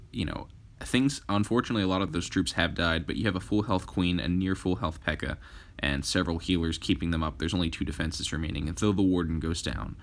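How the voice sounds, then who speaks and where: Commentating casually on his gameplay with plenty of fillers, a young gaming host speaks in a low, fairly bright voice. A cold leaves him slightly hoarse.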